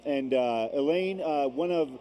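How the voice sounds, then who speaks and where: A man's voice: a little high, unhurried, dark tone. A man hosting a live stream of an endurance race, giving conversational commentary. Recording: faint background noise from gym. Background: gym with runners gathering.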